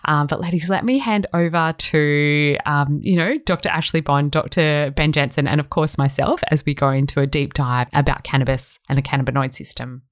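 A woman's voice: low-pitched, normal speed, hardly any pauses. A woman hosting a podcast, giving an informal introduction in a chatty, enthusiastic manner. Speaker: podcast host.

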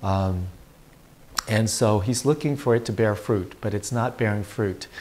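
Low-voiced man preaching as a priest. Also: a little slow, darkish tone, a little hiss or hum. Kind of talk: Gospel reading and informal homily.

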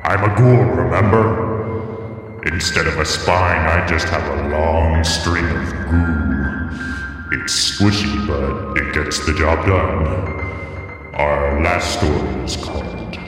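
Deep, slow ghoul host. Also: male voice. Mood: playful spooky. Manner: slow, drawn-out delivery with silly asides. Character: slow, gloomy male ghoul story host. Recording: cavernous reverb with music behind.

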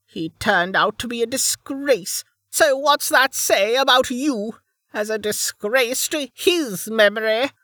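Brief: ancient scornful noblewoman, voiced by a male narrator; shrill, slow, bright, bone-dry close sound. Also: no echo, exaggerated voice. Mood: venomous. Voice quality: high, shrill and drawn-out. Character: ancient withered old woman, venomous and scornful. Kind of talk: audiobook character voice.

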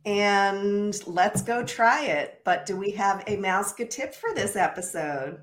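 A woman's voice: mid-range voice, animated, slow. A woman hosting a podcast in casual chat, agreeable and easygoing, wrapping up the show with reminders to listeners. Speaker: podcast host.

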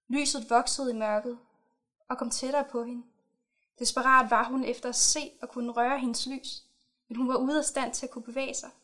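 A woman reads aloud a short story she wrote herself, in a measured storytelling manner. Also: on the high side. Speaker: author. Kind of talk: reading her own short story aloud.

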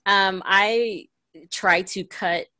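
A woman's voice: medium pitch, fairly even intonation, extremely slow, pushed and bright, dry recording. A woman co-hosting a podcast in casual chat, blunt and offhand with casual swearing. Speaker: podcast co-host.

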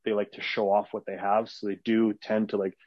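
Answering interview questions in a loose, rambling way, a Canadian wrestler with Arabic as his first language uses lots of fillers and restarts. His low voice runs a little fast with little pitch variation, on a dull, dry, lo-fi recording.

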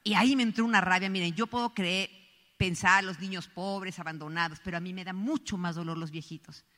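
A woman's voice: fairly low pitch, steady tone, brisk, pushed and bright. A middle-aged woman from Colombia giving an emphatic motivational talk, telling stories and speaking straight to the audience. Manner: emphatic, storytelling, addresses the audience directly. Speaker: motivational speaker at a business event. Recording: echoey hall reverb.

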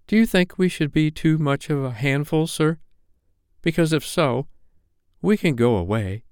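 A man's voice: a little high, animated, a little slow, a little mellow, clear, resonant tone, no room sound, clean studio sound, pitched above the performer's own voice. A man voicing eager, polite young boys, earnest and loyal, in a children's storybook reading. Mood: proud, anxious.

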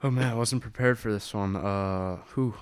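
A man co-hosting a casual sports podcast, giving his picks in relaxed conversation. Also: on the low side, normal speed, clear, resonant tone, no echo, clean studio sound. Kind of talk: casual sports preview chat.

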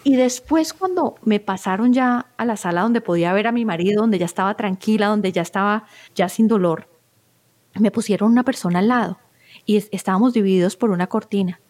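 A woman's voice: medium pitch, fairly quick, darkish tone. A middle-aged woman, a spiritual therapist, speaks as an interview guest and tells personal stories in an earnest, heartfelt way. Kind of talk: interview conversation, personal storytelling.

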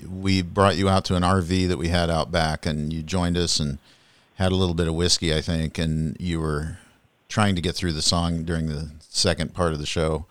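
A man with a very deep, smooth voice asks questions in an easy, conversational way. He sounds close to the mic in a dry space. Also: flat delivery, moderate pace, no room sound. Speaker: interviewer. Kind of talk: interview questions.

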